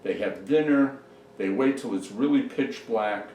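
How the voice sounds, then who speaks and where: A man's voice: on the low side, unhurried, a little mellow, recorded from a distance, slight background noise. Man telling a joke in an echoey room. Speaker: joke teller. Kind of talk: storytelling a joke.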